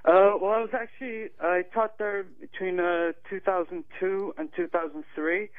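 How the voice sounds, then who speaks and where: A man's voice: high-pitched, steady tone, normal speed. Man from Morocco on a tinny phone line. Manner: articulate, hesitant fillers. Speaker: author and Arabic teacher, phone guest. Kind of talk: radio interview over the phone. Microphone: telephone.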